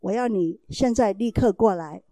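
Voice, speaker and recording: A woman's voice: medium pitch, normal speed, dark tone, no echo. A mother giving a talk to parents, telling a family story in an earnest, explaining way and acting out the dialogue in changing voices.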